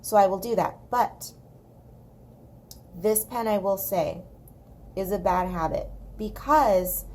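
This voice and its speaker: A woman with a slight Southern California Valley accent and a dry, slightly gravelly voice with some vocal fry, chatting casually and emphatically as she hosts a coloring tutorial. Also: medium pitch, slow pace, pauses often, darkish tone. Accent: Southern Californian, slight Valley girl. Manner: informal, emphatic, repeats herself for emphasis. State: dry throat. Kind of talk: casual, chatty craft commentary. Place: indoors at a craft desk. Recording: clear background noise.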